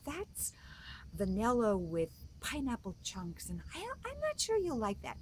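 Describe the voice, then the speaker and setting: Controlling mother played by a woman, sweet tone, high pitch, firm. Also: huge pitch swings, measured pace, darkish tone, slight background noise. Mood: coaxing. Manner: coaxing, overruling.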